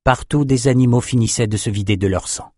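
A man narrating a fantasy novel in a steady, measured way at a middle pitch. The recording is dry and close, with no room around it. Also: no room sound. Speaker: audiobook narrator. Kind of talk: scripted narration.

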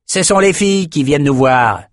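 A man's voice: fairly high pitch, expressive, moderate pace, no room sound, clean studio sound, voice pushed up, close to an everyday voice. A man voicing a cocky, arrogant young male pearl diver. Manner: arrogant, indignant.

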